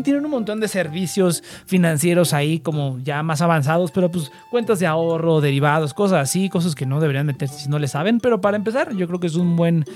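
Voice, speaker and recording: A young man with a Mexican Spanish accent, co-hosting a casual podcast, animated and slangy, acting out little quoted voices. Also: sits high. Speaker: podcast co-host. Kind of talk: casual chat.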